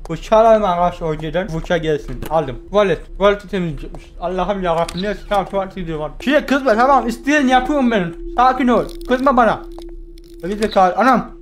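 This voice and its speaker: A man commentating a horror game for his viewers, chatting to them and yelping and shouting when frightened. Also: high-pitched, lively intonation, quick pace. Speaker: gaming YouTuber.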